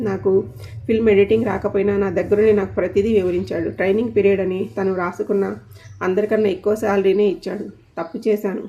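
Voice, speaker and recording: Woman storyteller, first-person audio story, even and mellow reading, dull lo-fi recording. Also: mid-range voice.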